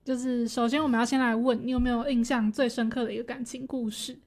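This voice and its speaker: A young woman speaks in a high voice at a rapid pace, with a Taiwanese accent. She chats casually as a co-host, eager and agreeable. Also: level tone, a little mellow. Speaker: podcast co-host. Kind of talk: casual chat.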